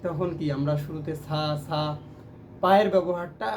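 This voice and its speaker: A man with a fairly high voice and fairly even intonation teaches a ukulele lesson at a moderate pace, explaining strums and counting and chanting rhythm syllables aloud while playing. There's background noise, and loud plucked strings lie under his voice.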